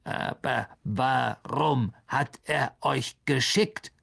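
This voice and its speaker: A man voicing an ancient, irritable, blind giant male spider in an audiobook, speaking in a slow, hissing half-whisper that drags out each word. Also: mid-range voice, vocal fry, a bit bright, husky, heavily acted. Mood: wary. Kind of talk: audiobook character voice.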